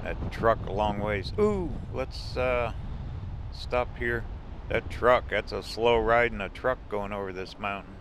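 A man chatting casually as he drives a mountain road and stops at pull-offs, relaxed and easily delighted by the views. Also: fairly low pitch, unhurried. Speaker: RV travel vlogger. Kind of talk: casual road trip narration. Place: outdoors, driving and at roadside pull-offs in the mountains. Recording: outdoor vehicle and road noise.

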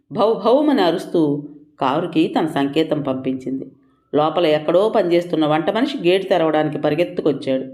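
A storyteller reads a novel aloud in a measured, expressive manner. The voice sits at a middle pitch, steady and scripted.

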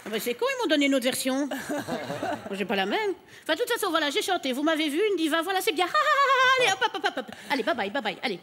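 A woman's voice: high voice, sing-song, fast talker, crowd noise, background noise. A woman playing a tired, flustered female opera diva who stammers and breaks into song in a stage sketch.

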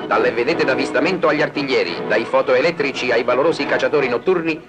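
A man's voice: medium pitch, expressive, fast talker, music in the background. A man narrates a wartime newsreel in a formal, declamatory, scripted style. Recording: noisy 1940s archival newsreel soundtrack.

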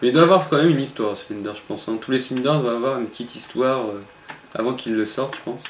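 A man's voice: mid-range voice, fast talker, reverberant. Young man chatting over a horror game. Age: young adult. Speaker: co-commentator on a horror game video. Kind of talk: casual gameplay chat. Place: dim room at home. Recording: noisy home recording.

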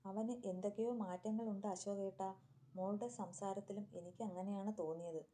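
A woman's voice: medium pitch, steady tone, fairly quick, dark tone, a little hiss or hum, lightly acted. A woman voicing a worried middle-aged mother who frets about her daughter. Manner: fretful, complaining.

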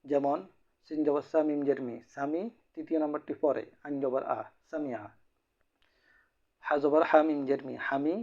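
Man slowly drilling syllables, dull recording. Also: a little high, fairly even intonation, a little mellow. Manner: drills syllables by rhythmic repetition. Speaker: Quran reading teacher. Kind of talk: slow spelled-out recitation lesson.

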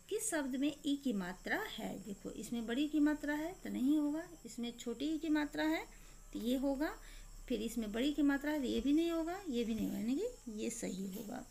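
A woman's voice: high-pitched, animated, moderate pace, creaky, a little mellow. A woman teacher giving a recorded lesson to young children, explaining step by step and asking questions she answers herself. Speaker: primary school teacher.

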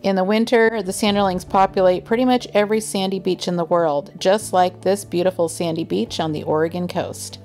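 Woman narrating calmly over faint music. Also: lowish voice, brisk, hardly any pauses. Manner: calm, informative and gently enthusiastic. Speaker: nature vlog narrator. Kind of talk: scripted narration. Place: voice-over, not recorded on the beach.

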